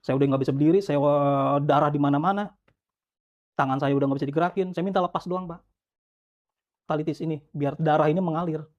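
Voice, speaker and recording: A man speaks quickly in an earnest, halting testimony, his voice sitting a little high. He often restarts his sentences. The recording sounds dull and lo-fi. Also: fairly even intonation. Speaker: guest recounting detention. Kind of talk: emotional testimony.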